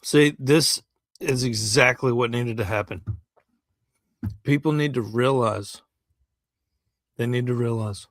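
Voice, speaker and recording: A stream host reacting to a clip, talking while eating and explaining his points in a measured, lecturing way. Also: mid-range voice, fairly bright tone, no echo. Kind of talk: live reaction commentary.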